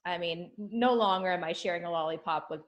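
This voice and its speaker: A woman's voice: fairly low pitch, fairly quick, dull audio. A middle-aged woman doing dry stand-up comedy over a video call, with lots of laughing and filler words. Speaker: comedian guest.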